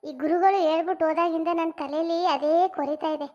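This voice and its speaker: A woman's voice: very high voice, steady tone, quick pace, mellow, dull audio. A woman voicing a nosy, persistent older village wife in a cartoon comedy, speaking in a nagging, insistent way.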